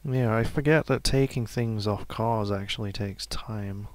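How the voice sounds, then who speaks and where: A man giving relaxed, casual commentary while playing a game, musing to himself and laughing softly now and then. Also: lowish voice, measured pace, dry recording. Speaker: let's play gamer.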